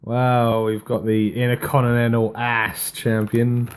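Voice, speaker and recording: A man's voice: medium pitch, little pitch movement, a little slow, clear, resonant tone. A man co-hosting a wrestling podcast in casual chat, sounding unenthusiastic and dismissive. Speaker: podcast co-host.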